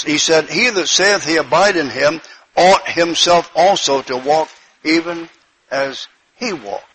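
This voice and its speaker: A man's voice: a little high, a bit bright, a little hiss or hum, rough recording. A man preaching a sermon, reading King James scripture aloud and breaking in with emphatic repeated phrases and praise.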